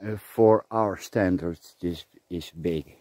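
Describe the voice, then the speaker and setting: Slow, mellow-voiced man rambling outdoors. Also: deep voice, no room sound. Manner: rambling, chatty, talks to himself and the camera. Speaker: vlogger. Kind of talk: casual outdoor vlog narration. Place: outdoors on a forest trail in light rain. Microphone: camera on a tripod.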